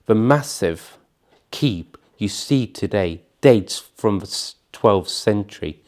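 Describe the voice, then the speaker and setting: A man narrates a scripted heritage documentary at a very unhurried pace. His voice sits fairly low, and he uses solemn, measured phrasing with dramatic pauses. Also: animated, darkish tone.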